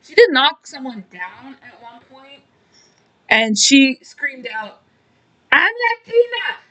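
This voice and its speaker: A woman's voice: high voice, takes it slowly, a bit bright, poor audio. Young adult woman, podcast co-host, casual wrestling recap; blunt, profane, opinionated. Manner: blunt, profane and opinionated, laughing at her own jokes.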